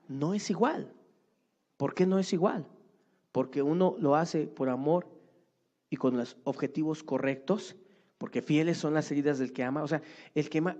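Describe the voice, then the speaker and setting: A man's voice: on the high side, a little mellow. A man preaching a sermon as pastor, emphatic and often checking with the congregation through short tag questions. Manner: emphatic, seeks agreement with repeated tag questions. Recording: muffled lo-fi recording.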